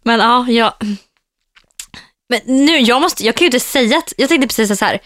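A woman's voice: fairly high pitch, lively intonation, fairly bright tone, dry recording, clean studio sound. A young woman co-hosting a casual podcast, chatty and informal, often laughing at herself. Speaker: podcast co-host.

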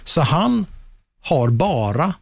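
Husky guy telling festival backstage stories, dry close sound. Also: a little high, dry recording. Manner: animated anecdote-telling, acts out quotes. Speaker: festival production manager. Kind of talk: casual storytelling in a podcast chat.

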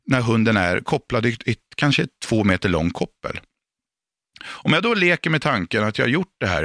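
A man teaching dog training in a patient, emphatic way, his voice rising and falling a great deal as he explains. His tone carries a gravelly edge, and the sound is close and dry with no room around it. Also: on the low side, a bit bright, no echo. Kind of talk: instructional talk on radio or podcast.

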